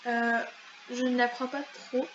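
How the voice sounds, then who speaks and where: A high, light female voice drifts along at an easy, slow pace. She is a YouTuber chatting casually over her gameplay, slangy and full of fillers. The recording sounds a little muffled and lo-fi, with a faint hiss underneath. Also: little pitch movement, fairly bright tone. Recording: slightly dull lo-fi mic.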